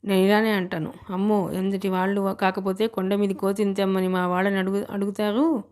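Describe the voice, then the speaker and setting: A woman reading a sharp-tongued young bride. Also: mid-range voice, level tone, a little fast, lightly acted. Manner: sharp, scolding.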